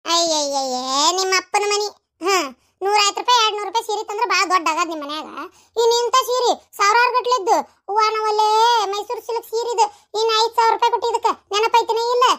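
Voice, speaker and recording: A woman with a North Karnataka Kannada accent playing a bossy, sharp-tongued older mother-in-law in a comic family skit, scolding and mocking. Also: very high voice, fast. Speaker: comedy sketch performer.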